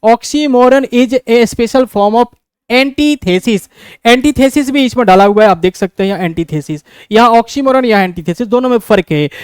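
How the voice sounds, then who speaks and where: A man's voice: very high voice, smooth, no room sound, clean studio sound. A male teacher with a Bihari Hindi accent, giving an exam-prep lecture on literary devices, asking questions and answering them himself. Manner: explains step by step, asks and answers his own questions; reads English examples slowly.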